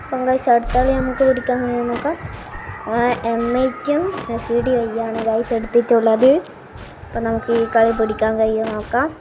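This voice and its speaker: A woman with a Malayali accent giving casual gameplay commentary as a video host, mixing English gaming words into Malayalam. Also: on the high side. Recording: noisy game audio with gunfire. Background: video game gunfire and ambience.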